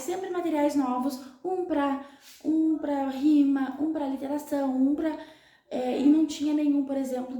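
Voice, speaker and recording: A woman with a Brazilian Portuguese accent, a literacy educator explaining things to parents clearly, step by step. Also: high voice, mellow, reverberant.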